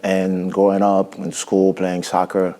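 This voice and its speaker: Deep-voiced Haitian man, halting and reflective. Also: completely flat delivery, dark tone. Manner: halting, reflective, many restarts. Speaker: musician guest. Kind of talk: interview. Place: TV studio set. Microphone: lapel mic.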